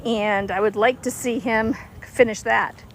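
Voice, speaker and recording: A woman's voice: on the high side, steady tone, a little slow, a little hiss or hum, rough recording. A woman chatting casually on a livestream while walking outdoors, a bit winded, rambling and laughing easily. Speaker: livestream host.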